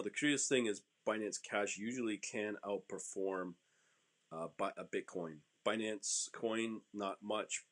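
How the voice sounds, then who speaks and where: A man with a low-volume voice hosting a live stream, giving casual market commentary in an informal, rambling way. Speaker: host of a live trading stream.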